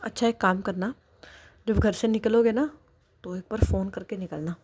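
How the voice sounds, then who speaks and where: A woman voicing a caring young woman who speaks gently and practically. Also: medium pitch, steady tone, moderate pace, breathy edge, natural voice. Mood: gentle.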